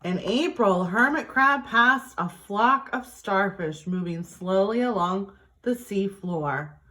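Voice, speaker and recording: A woman reading a picture book aloud to young children in an expressive, deliberate teacher's way. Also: medium pitch.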